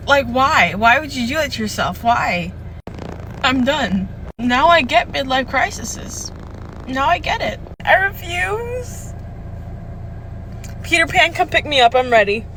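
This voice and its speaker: Bright, high young woman ranting. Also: lively intonation, slow, a little hiss or hum, low-quality recording. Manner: exasperated, emotional ranting. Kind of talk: casual venting vlog.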